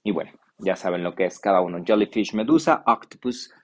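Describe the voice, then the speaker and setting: Man teaching English in slow drills. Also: low-pitched, expressive. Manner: mixes Spanish and English, slow deliberate vocabulary drills. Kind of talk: online class lecture.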